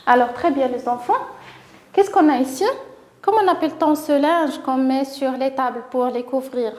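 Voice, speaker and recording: A woman with a Moroccan accent teaching a lesson to young children, speaking slowly and clearly, encouraging them and sounding out each syllable. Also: high-pitched, darkish tone, reverberant. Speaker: primary school teacher.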